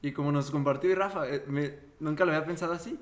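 A man's voice: on the high side, quick pace. Earnest man in his thirties. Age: 30s. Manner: earnest, rambling, many restarts. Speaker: podcast co-host. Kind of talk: casual podcast chat.

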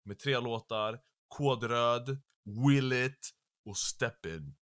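A young man co-hosting a podcast, chatting playfully and quickly about hip hop. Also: mid-range voice, expressive, a bit bright, clean tone. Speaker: podcast co-host.

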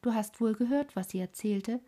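A woman voicing a bold, rough little robber girl in a storybook reading, loud and brash. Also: on the high side, normal speed, natural voice. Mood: commanding.

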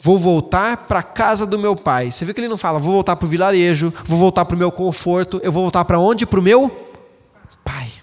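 A man preaching a sermon as pastor, expressive and speaking directly to the congregation. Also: high voice, brisk. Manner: expressive, acts out quoted voices, addresses the congregation directly. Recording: long hall reverb.

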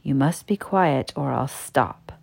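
Woman doing a bossy guy in a spicy story, low hushed voice, slow orders. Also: gravelly, husky, full character voice. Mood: stern, hushed. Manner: quiet, low, slow commands. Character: dominant commanding man, low and stern.

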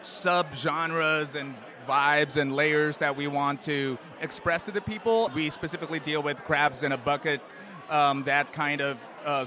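A man giving a casual interview as an actor, thinking aloud haltingly. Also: fairly high pitch. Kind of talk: casual red carpet interview. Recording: busy crowd around the voice. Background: crowd chatter.

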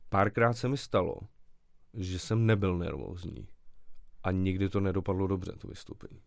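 A young man with a deep, low voice, chatting as a guest on a podcast. He rambles in a relaxed way and drops slang as he goes. The sound is dry and close, with no room around it. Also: gravelly, dry recording. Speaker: podcast guest, stand-up comedian. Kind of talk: casual conversational interview.

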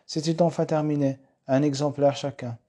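A male reader narrating a novel in a steady, dry way. His voice is mellow and dark, sitting a little high for a man. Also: normal speed. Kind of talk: audiobook narration.

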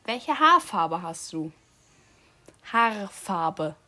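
A woman casually hosting a challenge, speaking deliberately to someone wearing headphones and repeating her questions and key words. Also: mid-range voice, sing-song, sharp tone. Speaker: host.

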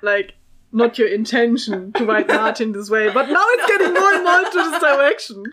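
A woman's voice: a little high, normal speed, a loud crowd. A woman co-hosting a podcast, reacting to a story in casual chat with frequent giggles. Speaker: podcast co-host and co-reader.

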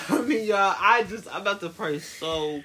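A woman in her twenties co-hosting a casual podcast chat, animated and dramatic, laughing often. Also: medium pitch, a little slow. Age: 20s. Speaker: podcast co-host.

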